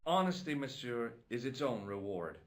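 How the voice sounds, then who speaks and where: An actor playing a calm young male amateur detective in a video game, questioning a witness in a dry, level way. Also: medium pitch, normal speed, natural voice.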